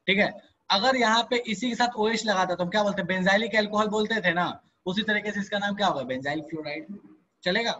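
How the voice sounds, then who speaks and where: A man's voice: high-pitched, fast talker, sharp tone, highs cut off. A man teaching chemistry in a live online class, coaxing students with repeated checks, mixing English terms into Hindi, and answering questions from students by name. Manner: coaxing, repeats "ठीक है" and "ध्यान दो", asks and answers own questions.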